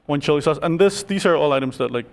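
A man's voice: a little high, animated, background noise. A man, a chef, explaining oyster sauces in a cooking demonstration, with frequent restarts and filler words. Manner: quick, halting explanations with many restarts. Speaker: chef guest.

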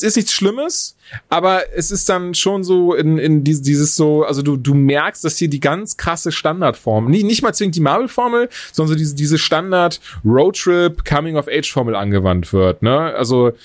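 A man hosting a podcast, chatting casually about films in an animated, digressive way full of quick asides. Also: fairly high pitch, no room sound, clean studio sound. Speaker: podcast host reviewing films. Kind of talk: casual chat.

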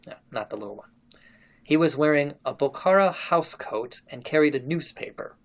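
A man's voice: on the high side, lively intonation, moderate pace. Chatty man telling a history story. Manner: chatty, laughs often. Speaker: podcast host. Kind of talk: casual storytelling, reading from a memoir.

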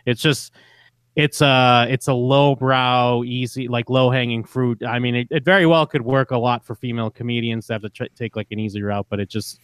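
A man's voice: medium pitch, steady tone, moderate pace, a bit bright, clean tone, dry recording. A man co-hosting a casual podcast about a TV show, talking hesitantly with lots of fillers and restarts. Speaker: podcast co-host. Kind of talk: casual chat reviewing a TV show.

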